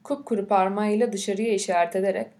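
A woman reads a novel aloud as an audiobook narrator. Her voice sits at a middling pitch for a woman, and the delivery is measured and unhurried. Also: steady tone, a little mellow.

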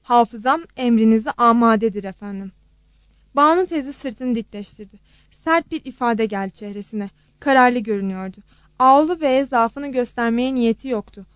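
A woman narrating a novel in a steady, measured audiobook style. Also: on the high side, clean tone, dry recording.

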